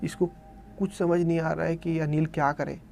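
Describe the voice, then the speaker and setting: A man with a gravelly, dark voice tells a horror story in a casual spoken style, as if recounting it to a friend. His pitch sits slightly high but barely moves, and faint music plays behind him. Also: little pitch movement, moderate pace. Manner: retells events in present tense, dramatizing quoted cries.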